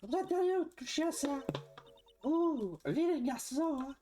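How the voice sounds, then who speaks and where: Man doing a giggly flirty falsetto witness woman. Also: animated, unhurried, mellow, a little hiss or hum. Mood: teasing. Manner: sing-song falsetto, teasing.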